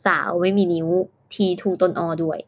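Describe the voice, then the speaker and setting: A woman co-hosting a casual podcast chat, recounting scenes in brisk detail with lots of filler words. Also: lowish voice, fairly even intonation. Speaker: podcast co-host.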